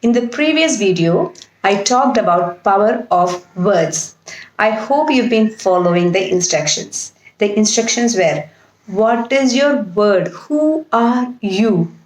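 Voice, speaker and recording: A woman's voice: medium pitch, expressive, takes it slowly. A woman from India giving a self-help webinar, earnest and walking through her points with rhetorical questions. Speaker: NLP practitioner and webinar host. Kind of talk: self-help talk to camera. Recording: echoey room.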